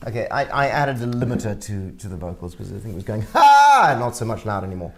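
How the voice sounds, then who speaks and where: A man's voice: lowish voice, rapid-fire. A man co-hosting a casual chat, playful and self-mocking. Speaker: podcast co-host.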